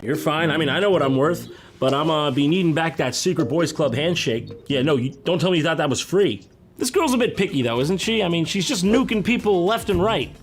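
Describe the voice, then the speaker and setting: Sarcastic high-voiced male commentator. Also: lively intonation. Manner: sarcastic, quick jokes, laughing. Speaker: reaction video host. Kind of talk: comedic commentary. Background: background music.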